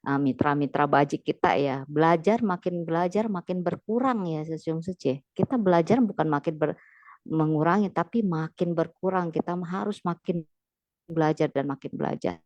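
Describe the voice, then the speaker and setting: Low voice lady moderating, soft and encouraging, dry mic. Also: normal speed, dry recording, lo-fi sound. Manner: gentle, encouraging, affirming. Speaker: host. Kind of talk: moderating a group sharing.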